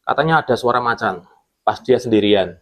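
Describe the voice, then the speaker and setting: A medium-pitched man talks a little fast. As a former security guard in a casual podcast chat, he tells a ghost story with energy and acts out the things his coworkers said.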